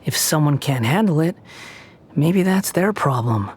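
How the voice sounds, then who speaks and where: A young man voicing an aloof, sardonic puppet wanderer in a video game, with a condescending, sharp-tongued, theatrical delivery. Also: a little high, lively intonation, unhurried, breathy edge. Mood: aloof, haughty. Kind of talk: video game character voice lines.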